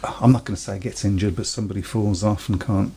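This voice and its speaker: Man, gravelly voice, dark mellow tone, chatty and hesitant co-host. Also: lowish voice, steady tone, slight background noise. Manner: chatty, hesitant, quick to laugh. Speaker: podcast co-host. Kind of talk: casual sports chat.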